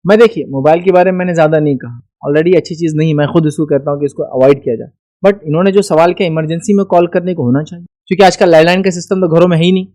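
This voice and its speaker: A man's voice: on the high side, fairly even intonation, very fast, mellow. A man giving a religious lecture, emphatic and full of rhetorical questions. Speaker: Islamic speaker.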